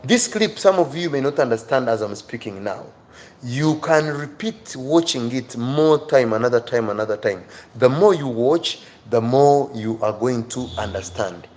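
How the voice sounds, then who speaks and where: On a livestream, a man with a mid-range, darkish voice teaches an English reading-skills lesson, his intonation lively and his pace moderate. The online teacher and host speaks emphatically, repeats phrases, and pleads with and encourages his viewers directly. Clear background noise can be heard in the recording.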